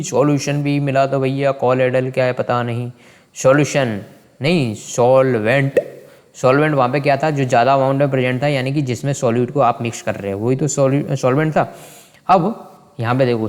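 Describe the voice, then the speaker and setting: A male science teacher explaining a lesson to students. He asks quick questions, answers them himself, and often corrects himself mid-sentence. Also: mid-range voice, a little mellow, big-room sound.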